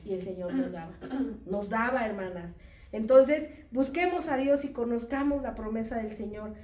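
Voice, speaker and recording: A woman's voice: fairly high pitch, moderate pace. Mexican woman preaching in an echoey hall. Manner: animated storytelling, acts out voices in quotes. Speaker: speaker at a church women's meeting. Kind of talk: testimony and preaching. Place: church hall. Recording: echoey room, voice far from the mic.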